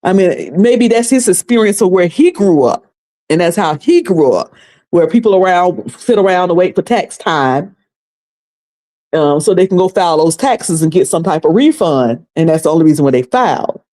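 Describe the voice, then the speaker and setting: Speaking in a warm, lowish voice at a moderate pace, a North Carolina woman with a Southern accent animatedly hosts a laid-back recap stream. She's chatty and folksy, calling her audience y'all and sugar.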